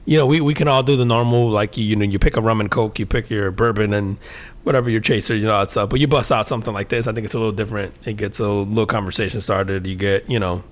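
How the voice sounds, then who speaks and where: A man's voice: fairly low pitch, fairly even intonation, fast talker. A man co-hosting a podcast in casual chat, telling stories in a laid-back, rambling way with lots of fillers and the odd swear word. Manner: swears and laughs easily. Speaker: podcast co-host.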